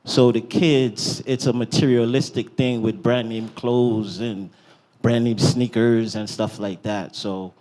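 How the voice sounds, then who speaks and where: A man's voice: medium pitch, level tone, unhurried, darkish tone. A man from Barbados with a Bajan accent, telling a personal story as a guest in a panel talk, often checking in with "right?" and "yeah?".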